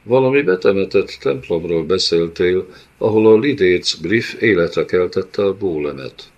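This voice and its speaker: A man's voice: deep voice, animated, muffled recording. A man reading as a blunt nomad warrior. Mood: resolute. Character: grim male nomad warrior, blunt and commanding.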